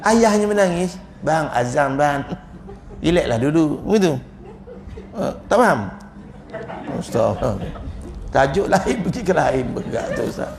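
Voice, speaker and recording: A man's voice: sits high, lively intonation, moderate pace, pauses often, crowd noise. A man with a Malaysian Malay accent giving a humorous religious lecture as a religious teacher, joking and chuckling often as he tells his stories.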